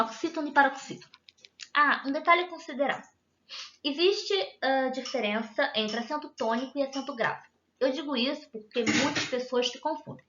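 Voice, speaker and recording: A woman's voice: high voice, fairly bright tone, a little hiss or hum. A woman with a Brazilian Portuguese accent teaching a grammar lesson, patient and often checking that listeners follow. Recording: echoey room, dull lo-fi sound.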